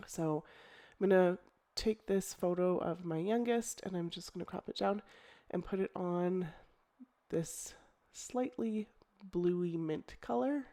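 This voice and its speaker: Taking it slowly, a middle-aged crafter with a lowish, cold-croaky voice explains a scrapbooking project in a laid-back voice-over. She chats and thinks aloud, with ums and restarts along the way.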